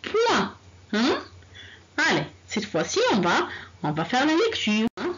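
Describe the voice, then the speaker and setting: A woman's voice: on the high side, wildly swooping pitch, fairly bright tone, muffled recording, slight background noise. A woman teacher leading a reading lesson for young children, drawing out syllables and words for them to repeat. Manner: slow, drawn-out, repeating syllables for children to echo. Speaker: primary school teacher.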